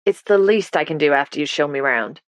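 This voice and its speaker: A woman putting on a blunt, gravelly New York man. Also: deep voice, animated, fairly quick, no room sound.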